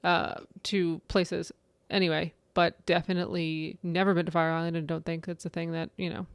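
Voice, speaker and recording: A woman in her late thirties chats about books on a podcast, animated and full of "like" and "right?". Her voice sits a little low, and the sound is close and dry with no room echo. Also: moderate pace, clean tone. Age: 30s. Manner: chatty, animated, lots of "like" and "right?". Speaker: podcast co-host. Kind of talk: casual book chat.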